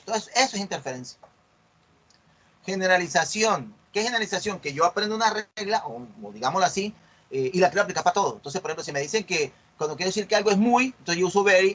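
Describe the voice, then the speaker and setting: A man, a university teacher explaining a lesson and checking understanding with frequent tag questions, drilling English words slowly and loudly in repetition. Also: a little high. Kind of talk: explanatory lecture on online class.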